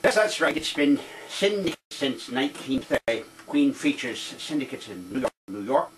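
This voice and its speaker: A man playing an awkward, rambling veteran newspaper cartoonist, halting and correcting himself in a mock newsreel interview. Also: medium pitch, big pitch swings, loud music behind the voice, natural voice. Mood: proud, rambling. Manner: halting, doddering, self-correcting. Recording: distant, faintly noisy interview recording.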